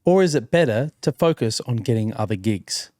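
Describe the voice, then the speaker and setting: Male interviewer; teasing, stammers, very lively pitch. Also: normal speed, no echo, clean studio sound. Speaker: guest interviewer. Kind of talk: casual podcast chat.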